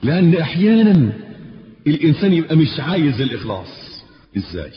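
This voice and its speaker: A man preaching a sermon in Egyptian Arabic, telling stories with sudden loud peaks and slow drawn-out emphasis. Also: on the high side, very animated, in a large hall, highs cut off.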